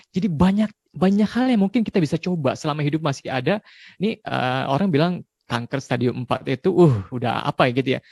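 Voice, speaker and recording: A man in his forties giving a parenting talk in a relaxed, conversational way, dropping frequent tag questions. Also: fairly high pitch, husky, dry recording. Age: 40s. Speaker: parenting speaker.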